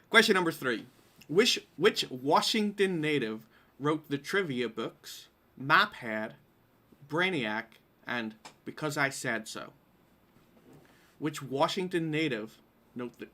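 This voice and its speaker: The man hosting this live-streamed quiz is from Derry, Northern Ireland, and has the accent to match. He reads the questions informally with wry asides, in a sharp-toned voice of medium pitch.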